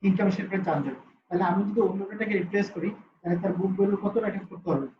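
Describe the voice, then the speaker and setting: A man teaching a class, high-pitched voice for a man, quick delivery, constantly quizzing students and then answering himself. The sound is roomy and a little dull, with a faint hum of ambience behind him. He comes across as a lively question-and-answer teacher on an online call.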